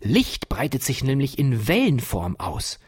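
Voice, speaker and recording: A kindly storybook professor, as a man plays him, patiently explaining with a lively, rising and falling voice. The tone is husky, and the recording is dry and close. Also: medium pitch, measured pace, no echo, voice pushed up, exaggerated voice. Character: kindly enthusiastic old male professor.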